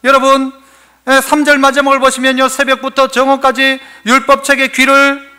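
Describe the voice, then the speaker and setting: Man, pastor, sermon, very high voice, questions and answers to the congregation. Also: completely flat delivery, normal speed, sharp tone. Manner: asks the congregation questions and answers them himself.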